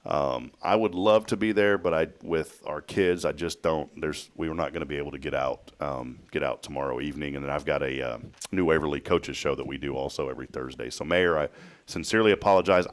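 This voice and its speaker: A man hosts a small-studio morning show, talking into a headset mic. His voice sits very low, and he keeps things joking as he reads out quirky news and quizzes his co-hosts. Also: fast. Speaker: host. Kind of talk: casual morning show chat.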